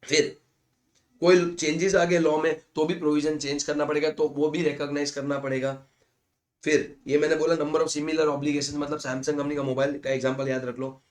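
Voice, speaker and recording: A man teaching accounting in Hindi mixed with English. He reads definitions slowly, then explains them quickly, calls his students "guys" and repeats key points. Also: on the high side, level tone. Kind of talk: lecture explaining slides.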